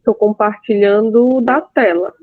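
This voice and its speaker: A woman's voice: medium pitch, unhurried. A woman presenting in an online class, a little hesitant while she sets up her screen share. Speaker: student presenter. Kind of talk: casual online class talk. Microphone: video call. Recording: dull lo-fi call audio.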